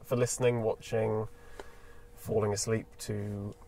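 A man's voice: lowish voice, level tone, measured pace, creaky, warm tone. A man co-hosting a podcast, chatting casually and rambling with fillers and restarts. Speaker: podcast co-host. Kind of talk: casual chat.

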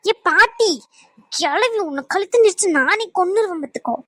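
A woman voicing an exasperated middle-aged mother in a cartoon, who scolds loudly and wails. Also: very high voice, expressive, moderate pace, no echo, studio quality, heavily acted. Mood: scolding, wailing. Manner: loud, scolding, wailing. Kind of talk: cartoon voice acting.

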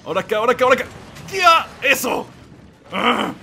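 A man giving excited let's-play commentary, yelling and exclaiming at the game and talking to the monster. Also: extremely high pitch, very fast, gravelly, slight background noise. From Mexico. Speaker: gamer playing and commenting.

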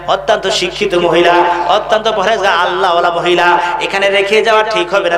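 A male preacher with a Bangladeshi Bengali accent, giving a fiery sermon at a large religious gathering. He chants scripture verses in a sung tone, shouts, and calls for the crowd to answer back. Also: sits high, echoey room.

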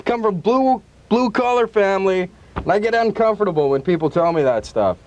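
A man's voice: high-pitched, lively intonation, brisk, darkish tone. A man working as a radio DJ, chatting casually on air with a jokey, self-deprecating showman manner.

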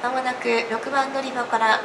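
A woman making formal, polite train station announcements over platform loudspeakers. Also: sits high, flat delivery, moderate pace. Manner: formal, polite public-address delivery. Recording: distant echoey station PA, loud ambient noise. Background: loud train and station noise.

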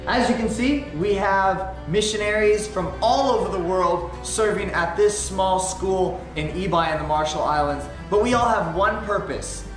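A man's voice: sits high, moderate pace, hardly any pauses. A young man, a missionary teacher, introducing a video about his school in a friendly, plain way. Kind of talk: presenting a volunteer video. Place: classroom indoors. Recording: echoey room with music.

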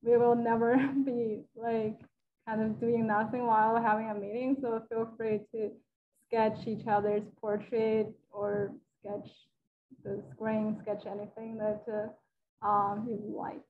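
Young woman from China, fairly high voice, halting talk on a slightly dull video call. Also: level tone, background noise. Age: young adult. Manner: hesitant, many fillers and restarts. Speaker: guest speaker. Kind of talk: casual presentation on a video call. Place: living room with a large wall mural. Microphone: video call, laptop camera.

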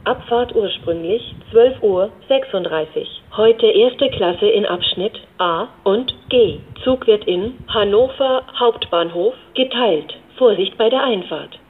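A woman giving flat automated platform announcements as a railway station announcer, in formulaic, segmented phrases. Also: medium pitch, slow pace, hardly any pauses. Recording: dull recording with clear background noise.

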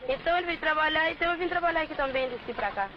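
A woman, a beach food vendor answering interview questions in simple, quick replies. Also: sits high. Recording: muffled old film audio with clear hiss.

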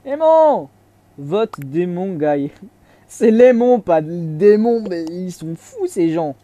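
A young man giving casual let's-play commentary, chatty, restarting his sentences, with excitable bursts. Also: high voice, takes it slowly. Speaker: gaming YouTuber.

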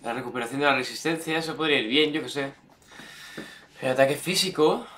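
A young man with a Spanish accent from Spain, commenting on his gameplay, excitable, shouting and swearing at the game. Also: medium pitch, fairly quick, slight background noise. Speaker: gameplay streamer.

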